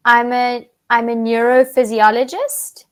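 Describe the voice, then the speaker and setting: Her voice is on the high side, smooth, with little pitch movement. This young online English tutor from South Africa leads a casual conversation lesson on video, explaining things slowly in a friendly way, full of restarts and fillers.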